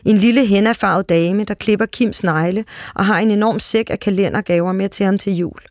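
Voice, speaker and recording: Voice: medium pitch, fairly even intonation, no echo. Dry, close short-story reader. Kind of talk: calm literary read-aloud.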